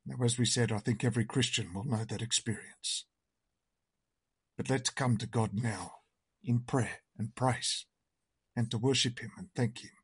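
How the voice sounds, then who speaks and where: In a hoarse, croaky mid-range voice with fairly even intonation, a man reads a hymn and prays during an online worship service. He's slow, earnest and reverent, and the recording has no room sound.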